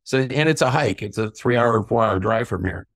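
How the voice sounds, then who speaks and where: A middle-aged man telling lively anecdotes in a casual interview about his sangria business. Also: medium pitch, normal speed, no room sound, studio quality. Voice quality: self-described stubborn Irishman. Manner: chatty anecdotal storyteller, acts out quoted voices. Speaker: sangria company owner.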